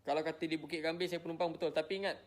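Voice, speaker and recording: A man's voice: a little high, flat delivery, very fast. A married man from Malaysia speaking straight to his viewers, weary and defensive, repeating himself often. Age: adult, married with a child. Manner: repetitive, defensive, tired. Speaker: social media personality. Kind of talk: emotional direct-to-camera statement.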